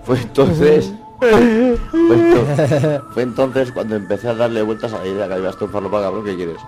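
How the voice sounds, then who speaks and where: A man's voice: on the low side, fairly even intonation, racing, loud music behind the voice. A man hosting a radio comedy show, reading odd news with crude jokes and constant swearing. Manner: crude, joking banter with heavy swearing.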